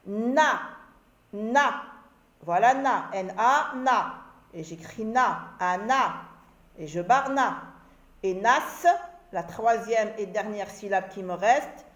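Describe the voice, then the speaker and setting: A woman teacher giving a reading lesson to children, sounding out words syllable by syllable and repeating them patiently. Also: on the high side. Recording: echoey room.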